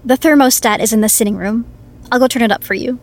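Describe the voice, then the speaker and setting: An actress playing a polite, attentive inn hostess giving a room tour. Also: female voice, fairly high pitch, quick pace, natural voice. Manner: courteous, descriptive tour-guide tone.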